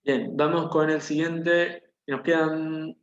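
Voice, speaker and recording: A man teaches a class at an even pitch, walking his students through each example with patient questions. His voice sounds muffled and carries a roomy echo, with faint typing behind it. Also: slow. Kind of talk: online class lesson. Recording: dull, echoey room audio.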